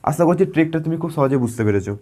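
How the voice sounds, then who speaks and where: A man's voice: on the high side, animated, warm tone. Male teacher from West Bengal, patient classroom explainer who repeats words and drills syllables. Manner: patient, repeats words and asks students questions; drawn-out syllable-by-syllable pronunciation. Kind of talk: grammar lesson.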